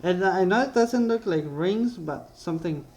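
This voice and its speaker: Speaking over drawings, this young vlogger recounts his life in a casual, animated way, his high voice carrying a darkish tone. He keeps stopping and fixing what he's just said.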